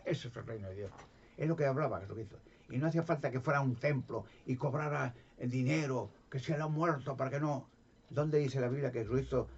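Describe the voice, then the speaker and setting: A man's voice: mid-range voice, darkish tone, breathy edge, muffled recording. A man from Spain with a Spanish accent, preaching informally and retelling Bible stories, rambling with many restarts. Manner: rambling, many restarts, acts out quoted voices.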